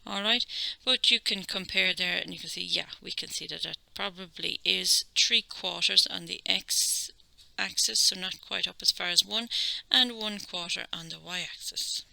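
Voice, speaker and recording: A woman's voice: lowish voice, normal speed, creaky, few pauses, pushed and bright, no echo, low-quality recording. A woman with an Irish accent teaching a maths lesson, explaining each step patiently and checking in with "okay?".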